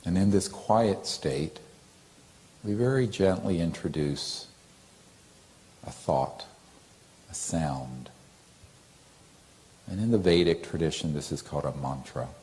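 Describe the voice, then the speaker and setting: A man leading a guided meditation, speaking softly and gently with long pauses and chanting a mantra in a drawn-out tone. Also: low-pitched.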